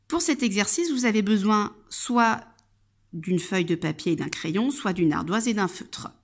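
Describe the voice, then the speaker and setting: A woman kindergarten teacher giving an instructional video lesson for young children, speaking to the child directly, articulating clearly and sounding out words syllable by syllable. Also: medium pitch, darkish tone. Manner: addresses the child directly and patiently.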